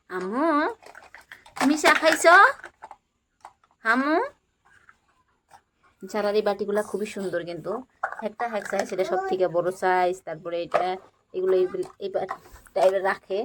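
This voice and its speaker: A young mother, filming her toddler at home, alternating high coaxing baby talk with quieter asides to viewers. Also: measured pace, long pauses, background noise. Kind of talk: casual home vlog, baby talk and narration. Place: home, indoors.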